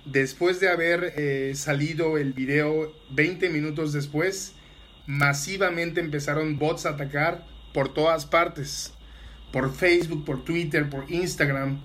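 A man's voice: on the high side, fairly even intonation, measured pace, fairly bright tone, a little hiss or hum. A man making an earnest, urgent public statement in an online video.

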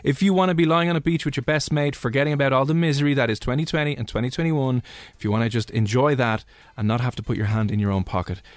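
A man's voice: medium pitch, fast, no echo. A man with an Irish accent hosting a radio show and promoting competitions in a chatty, informal way. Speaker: radio host.

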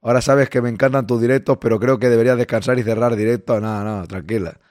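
A man, hoarse and losing his voice, hosting a live-stream podcast and chatting casually, greeting listeners and reading their messages aloud. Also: mid-range voice, steady tone, fast, darkish tone, dry recording, clean studio sound.

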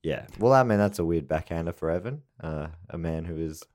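A man's voice: low-pitched, animated, fairly quick, a little mellow. A man co-hosting a podcast, playful and mock-serious, stumbling over long words as he reads. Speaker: podcast co-host. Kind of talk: casual comedic chat.

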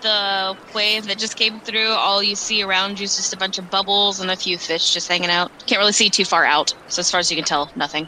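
Woman narrating a tabletop game, crisp bright tone, casual, faint background noise. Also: medium pitch, steady tone, a little fast, hardly any pauses, rough recording. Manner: casual, loose narration with restarts. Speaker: game master.

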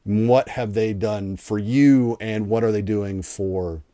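An American podcast host takes it slowly in a fairly low, warm voice with a steady tone. He chats his way through a casual interview, rambling and frequently starting over, captured in a dry, studio-quality recording.

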